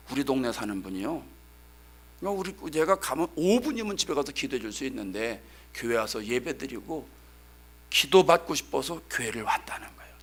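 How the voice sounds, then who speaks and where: A middle-aged male pastor preaching a sermon, telling a story in an animated, emphatic way that sometimes turns to shouting. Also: mid-range voice, gravelly, a little hiss or hum.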